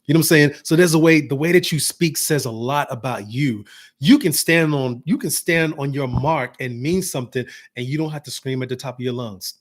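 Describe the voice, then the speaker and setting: A man giving casual, motivational marriage advice, acting out bits of dialogue and dropping to a calm, soft tone for examples. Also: mid-range voice, fairly quick. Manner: animated, acts out dialogue, drops to calm soft tones for examples.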